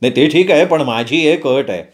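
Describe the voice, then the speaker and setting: Brief: male reader as calm young plotter, measured tone. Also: a little high, lightly acted. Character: calm, scheming young man.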